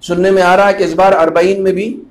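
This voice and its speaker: His voice sits high and keeps a level tone as this cleric gives a fervent Muharram majlis sermon. Slowly chanted Arabic phrases swell into loud cries.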